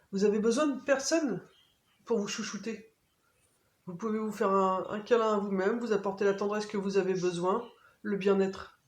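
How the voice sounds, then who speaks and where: Gentle woman reading oracle cards, echoey. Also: medium pitch. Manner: gentle, soothing, hesitant with many fillers. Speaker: oracle card reader. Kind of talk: oracle card reading to viewers. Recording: echoey room.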